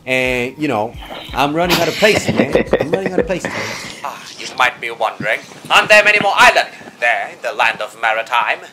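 A man's voice: medium pitch, sing-song, fairly quick, a crowd in the background. A young man in his twenties from Indonesia, playfully switching between many put-on accents in a comedic video. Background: background music.

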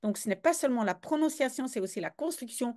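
A woman's voice: a little high, animated, fast talker, darkish tone. A woman giving a casual reading lesson, translating a comic aloud in a chatty, explaining way with frequent hesitations. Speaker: reader and language teacher.

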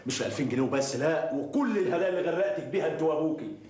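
A man's voice: a little high, expressive, darkish tone, lightly acted. An actor playing a domineering, mocking husband who bullies his wife, in an Egyptian accent. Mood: angry. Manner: rapid-fire, bullying, mocking. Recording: echoey room, faint hiss.

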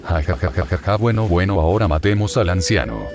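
A man voicing a tall faceless tentacled male creature who talks slowly and taunts, read over loud background music. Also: deep voice, lively intonation. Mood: taunting. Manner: slow, taunting, amused.

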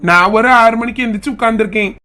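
A woman's voice: a little high, racing, bright, forceful tone. A woman with a Kanyakumari Tamil accent playing a tired married son who pleads with his mother and defends his wife in a comedy skit. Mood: exasperated. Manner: exasperated and placating.

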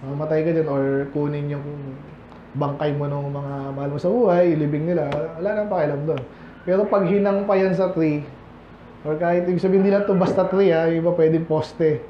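Man, pastor, conversational sermon, quizzes listeners, slightly raised pitch, dull echoing church recording. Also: steady tone, brisk, a little hiss or hum. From Philippines. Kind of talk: Sunday afternoon sermon. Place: church hall.

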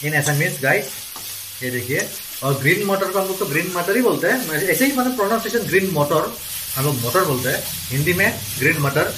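At home in his kitchen, an Assamese-accented cooking vlogger speaks quickly in a high, animated voice, enthusiastically exclaiming about the smells and flavours. Food sizzles and fries amid the background noise of his casual vlog.

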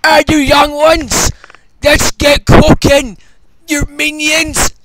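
Cranky, bossy old man game cook, fake aged voice, drawn-out high shouting, noisy clicky recording. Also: level tone. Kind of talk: exaggerated amateur game character voice acting.

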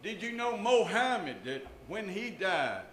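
Preaching a sermon at the pulpit, this older pastor speaks slowly in a high voice with big pitch swings and a fairly bright tone. His delivery rises and falls emphatically, heard in an echoey church with slight background noise.

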